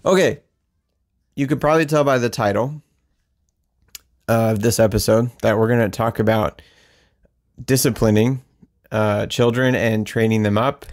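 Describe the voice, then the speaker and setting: A man's voice: fairly low pitch, a little slow, long pauses. A man hosting a podcast in a casual, joking, chatty way. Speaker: podcast host. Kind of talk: casual chat.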